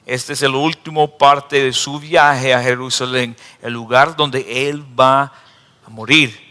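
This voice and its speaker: A man's voice: mid-range voice, steady tone, slow pace, pushed and bright, clean tone, in a large hall. A man preaching a sermon in a church who acts out the people he reads about in raised voices. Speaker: pastor.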